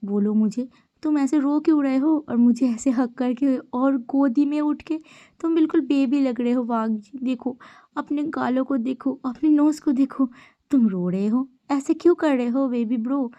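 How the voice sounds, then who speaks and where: A woman's voice: high voice, moderate pace, mellow, no echo, muffled recording, close to an everyday voice. A woman voicing a caring older brother who coaxes and teases his sibling in a fan-made story retelling. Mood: worried. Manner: fussing, coaxing.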